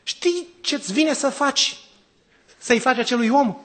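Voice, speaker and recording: High-voiced male preacher asking rhetorical questions. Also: expressive, slight background noise. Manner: swings between loud exclamations and quiet drops. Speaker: priest. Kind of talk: sermon.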